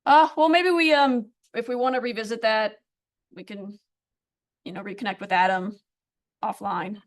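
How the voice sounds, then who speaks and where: A woman's voice: a little high, normal speed, no room sound, studio quality. Tentative woman on a meeting call. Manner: tentative, hedging with fillers. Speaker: committee member. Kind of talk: public committee meeting discussion.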